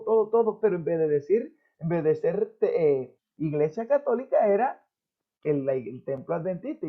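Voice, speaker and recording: A man, a pastor preaching a sermon and telling personal stories, acting out the people he quotes. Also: a little high. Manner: storytelling, quoting people in their own voices. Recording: tinny phone-like sound.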